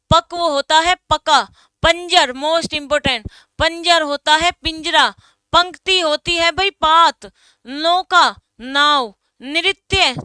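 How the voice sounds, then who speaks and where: A woman's voice: sits high, sharp tone, no room sound. A young adult woman teaching an exam coaching lesson, calling out word pairs one after another and stressing the most important items.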